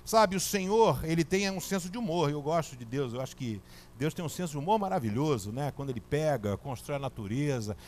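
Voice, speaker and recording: A Brazilian man preaching a sermon as pastor, colloquial and animated, telling a personal story. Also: fairly high pitch, a little fast, slight background noise. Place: church.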